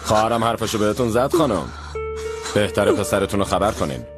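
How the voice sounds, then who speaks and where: A man's voice: fairly low pitch, animated, music in the background, lightly acted. A man dubbing a protective young brother who speaks in a firm, warning tone. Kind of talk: dubbed TV drama acting.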